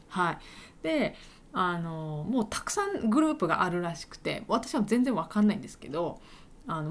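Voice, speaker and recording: A woman who hosts a podcast for learners, telling an everyday story and stopping to slowly explain and repeat words for her listeners. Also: mid-range voice. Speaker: Japanese teacher podcaster.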